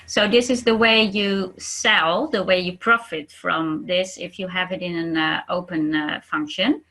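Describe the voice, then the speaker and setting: A woman's voice: lowish voice, fairly even intonation, measured pace, bright, forceful tone, poor audio. A woman, co-hosting and explaining ideas hesitantly, with many fillers. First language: Dutch. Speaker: co-host. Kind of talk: explaining a concept.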